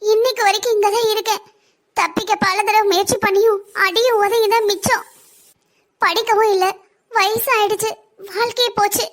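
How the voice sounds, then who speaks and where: Figure: weary trapped woman, cartoon voiced by a woman. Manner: hushed, gentle, resigned. Pitch: very high. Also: fairly even intonation, moderate pace, long pauses. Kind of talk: cartoon story voice acting.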